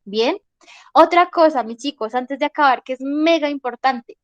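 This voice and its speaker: A woman leads an online English class, explaining grammar patiently and pausing to check that students follow. Her voice sits high, and the sound is dry and close. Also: dry recording, muffled recording. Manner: patient, checks in often with "¿sí?" and "¿listo?". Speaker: English teacher.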